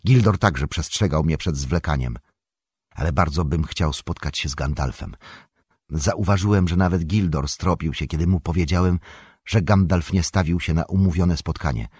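A man voicing a thoughtful, wary young male hobbit hero who speaks in a measured, reflective way in an audiobook. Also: sits low, darkish tone, husky, dry recording, clean studio sound. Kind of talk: audiobook character voice.

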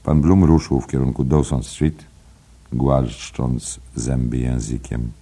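A man reading literary narration for an audiobook in a measured way. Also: very deep voice, dark tone, breathy edge.

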